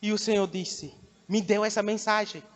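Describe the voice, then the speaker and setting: Brazilian preacher guy, really high voice, gets loud and fired up, echoey church. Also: fairly even intonation, normal speed. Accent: Brazilian Portuguese. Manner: impassioned preaching, builds to shouts. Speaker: pastor. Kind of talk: sermon.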